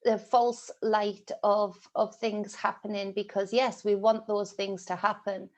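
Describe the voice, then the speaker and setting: Speaking at a measured pace with little pitch movement, a medium-pitched British woman gives a casual tarot reading for her spiritual vlog. Her nose is stuffy and she keeps sniffling, and the monologue meanders with ums and restarts.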